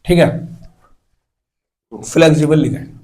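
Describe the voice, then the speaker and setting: A man's voice: a little high, a little slow, a little mellow, rough recording. Man teaching chemistry. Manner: asks students questions, counts aloud while drawing. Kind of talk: classroom lecture.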